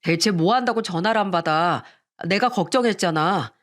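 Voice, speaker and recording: A woman voicing a worried young husband in a radio story reading, asking slow, concerned questions. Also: lowish voice, lightly acted.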